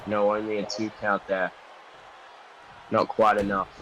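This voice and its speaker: A man doing wrestling play-by-play commentary, calling the action with excitable, dramatic phrases and rhetorical questions. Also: lowish voice, measured pace, noisy background.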